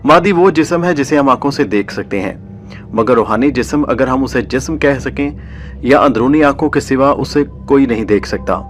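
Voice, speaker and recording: A man narrating a story in the first person, measured and formal, with literary diction. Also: mid-range voice, expressive, faint music behind.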